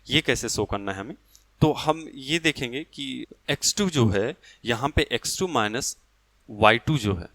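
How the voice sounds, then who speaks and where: A man's voice: medium pitch, a bit bright, dry recording. A man teaches a math lecture, explaining step by step and answering his own questions.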